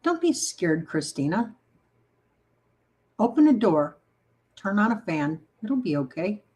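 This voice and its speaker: A woman's voice: medium pitch, big pitch swings, a little slow, darkish tone. A woman hosting a home baking livestream, chatting casually and answering viewer comments in a playful, encouraging way. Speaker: baking channel host.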